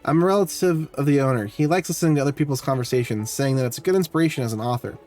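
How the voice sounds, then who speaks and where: A man's voice: medium pitch, very fast, a little mellow, soft background music, close to an everyday voice. A man reading the lines of a grumbling young male bookstore helper, in a plain voice. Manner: read aloud in a plain voice.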